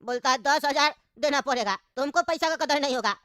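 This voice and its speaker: A woman's voice: high voice, a little fast, a bit bright, slight background noise. A woman voicing a grumpy, stingy old uncle in a cartoon who complains constantly. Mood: grumbling. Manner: complaining, quarrelsome. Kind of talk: cartoon voice acting.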